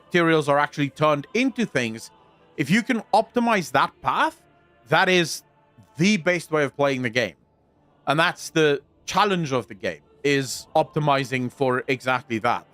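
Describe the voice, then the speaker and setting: Here a slightly high, fairly bright male voice comes through with no echo. He's a chatty South African streamer casually talking with viewers over gameplay, swearing here and there as he reads and responds to chat.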